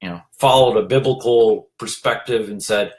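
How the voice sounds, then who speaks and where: A leadership coach with a somewhat low, slightly mellow voice delivers an earnest motivational talk, urging the listener on. He keeps circling back over his own phrases and pads the pauses with plenty of "you know".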